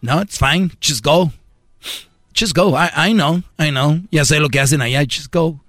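A man's voice: a little high, measured pace, a bit bright, no echo, clean studio sound, soft background music. A man voicing a passive-aggressive, guilt-tripping young girlfriend who pleads in a sing-song voice. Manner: sing-song, mixes English and Spanish, sighing and pleading.

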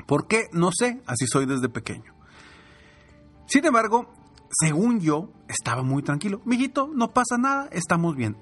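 Animated Mexican man telling a story. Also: mid-range voice. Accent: Mexican Spanish. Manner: animated, acts out voices in his story. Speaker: leadership speaker. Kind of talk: motivational storytelling talk.

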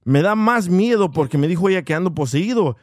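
A man's voice: high voice, a little fast, no room sound, clean studio sound. A man telling a funny story in casual chat, laughing and acting out the people in it. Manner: animated, laughing, acts out voices of people in his story.

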